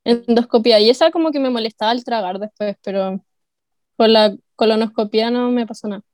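Young Chilean woman, high pitch, dry close sound, slangy laughing storyteller. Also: a little fast, a little mellow, no room sound. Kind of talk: casual chat.

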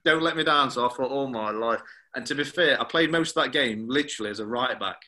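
A man, a former footballer being interviewed, who tells stories lively and acts out the dialogue. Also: medium pitch, fast. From England. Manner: animated storyteller who acts out quoted dialogue. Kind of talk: anecdotal interview chat.

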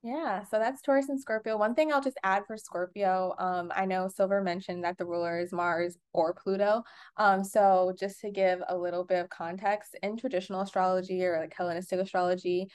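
A woman's voice: mid-range voice, steady tone, a little fast, darkish tone, smooth. A young woman co-hosts a podcast and explains in an easy, conversational way. She keeps circling back with filler words and restarts as she thinks aloud. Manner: chatty, many fillers and restarts. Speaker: podcast co-host. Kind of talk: casual explanatory chat.

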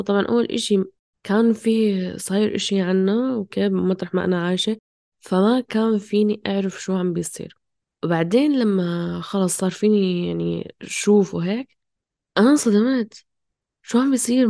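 A woman's voice: medium pitch, gravelly, dark tone, no echo, clean studio sound. A woman talking casually and passionately, questioning herself in fragmented bursts. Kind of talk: casual, impassioned conversation.

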